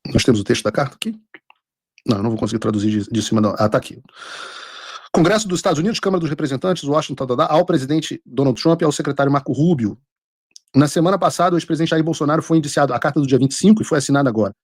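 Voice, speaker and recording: Fast-talking, husky Brazilian man hosting live. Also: on the high side, lively intonation, darkish tone, dry recording, studio quality. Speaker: live show host and political commentator. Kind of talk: live political commentary, reading out and translating texts.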